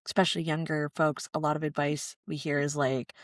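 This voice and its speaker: A woman's voice: sits low, flat delivery, a little fast, dry recording, clean studio sound. A young adult woman hosting a podcast interview, enthusiastic and chatty, with frequent filler words. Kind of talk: casual interview talk.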